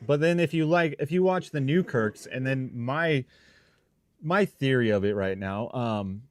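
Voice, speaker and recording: A man with a mid-pitched voice chats casually as he hosts a livestream. He rambles informally, thinking out loud and breaking his sentences into short pieces. The sound is dry, with very little room in it. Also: expressive, a little slow, no room sound. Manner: informal, rambling, thinking aloud in broken phrases. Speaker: livestream host, paranormal investigator. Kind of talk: casual live-stream chat with viewers. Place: shop.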